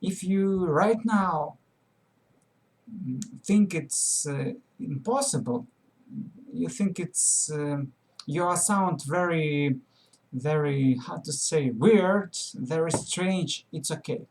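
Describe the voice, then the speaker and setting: A young man with a Russian accent, a native Russian speaker, giving a casual English lesson to his webcam, halting with many fillers and restarts. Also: on the high side, a little mellow. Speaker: English learning vlogger.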